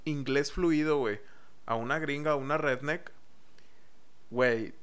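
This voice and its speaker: A man's voice: fairly high pitch, measured pace, a bit bright, clean tone. A young man with a Mexican accent, joking around in slangy casual chat.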